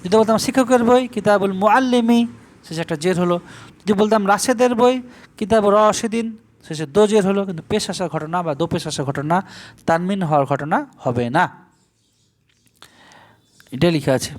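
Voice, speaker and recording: A man from Bangladesh teaching Arabic grammar in Bengali in an online lesson, explaining step by step and slowly spelling out Arabic terms. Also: sits high.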